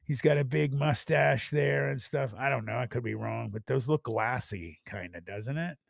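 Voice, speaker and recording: A man hosting a live stream, chatting casually and rambling with restarts, his voice hoarse and worn from overuse. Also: medium pitch, normal speed, no room sound, clean studio sound. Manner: rambling, thinks aloud with restarts.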